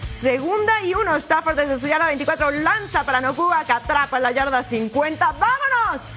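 High-pitched woman making touchdown calls. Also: brisk, pushed and bright, faint music behind. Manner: exclamatory, stretches key words. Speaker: sports highlights presenter. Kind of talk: American football highlights commentary with drawn-out touchdown calls.

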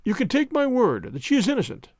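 A man's voice: very high-pitched, wildly swooping pitch, fast, a little mellow, dry recording, studio quality, voice pushed up, exaggerated voice. A man reading an audiobook, voicing a bitter, twisted former soldier with a vehement, impassioned delivery.

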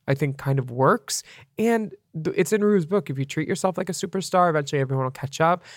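A man co-hosting a podcast in casual chat, crude and joking with quick asides. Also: mid-range voice, no echo, studio quality. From Italian-American. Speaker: podcast co-host.

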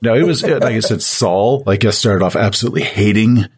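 Deep husky man rambling in chat. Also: brisk, no echo. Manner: rambling, repeats filler words. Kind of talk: casual chat.

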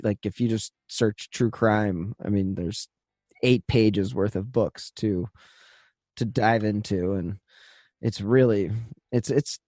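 A man's voice: fairly low pitch, takes it slowly, warm tone, dry recording. A man hosting a true crime podcast, moving between introduction and casual chat in a studio.

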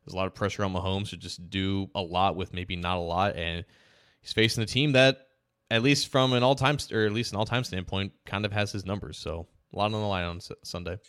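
A man's voice: low-pitched, fairly even intonation, fairly quick, fairly bright tone, clean tone. A man co-hosting a sports podcast, talking casually and telling stories with frequent restarts. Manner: chatty, storytelling, frequent restarts. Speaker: podcast co-host.

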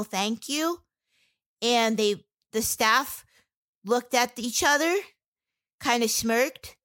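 Woman recounting her past, halting and candid. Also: fairly high pitch, a bit bright. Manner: halting and candid, many fillers and restarts. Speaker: interviewee. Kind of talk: personal testimony in an interview.

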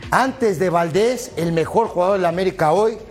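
Guy, pretty high voice, walking thru a football lineup, keeps asking "right?", faint music behind. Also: normal speed. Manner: explanatory, checks in with tag questions. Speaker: football analyst. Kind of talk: tactical panel analysis.

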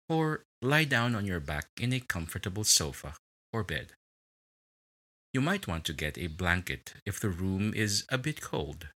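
A man leading a guided relaxation meditation in a slow, soothing way, with long pauses between words. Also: low voice, sharp tone.

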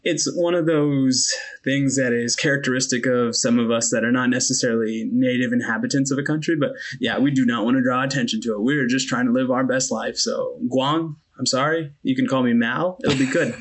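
A man co-hosting a motor racing podcast, talking in easy, casual chat. He teases and pokes fun at himself, with a middle-of-the-road pitch. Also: fairly even intonation, a little fast. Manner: playful, self-deprecating banter. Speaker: podcast co-host.

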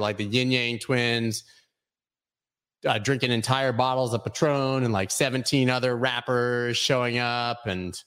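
A man's voice: mid-range voice, a bit bright. Forties male host, casual rambling live-stream banter with jokes. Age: 40s. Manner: rambling, jokey, reads chat comments aloud. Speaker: crypto show host.

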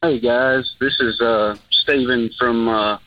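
A man from Alabama with a Southern Appalachian accent, telling a personal story casually as a caller in a halting, unhurried way. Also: medium pitch, fairly even intonation. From Alabama, southern United States. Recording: tinny phone line, faint music behind.

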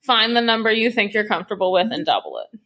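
Blunt woman co-host, mid-pitched and conversational. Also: very animated, quick pace, a bit bright. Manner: blunt, emphatic, slangy. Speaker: podcast co-host giving business advice. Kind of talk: casual unscripted podcast chat.

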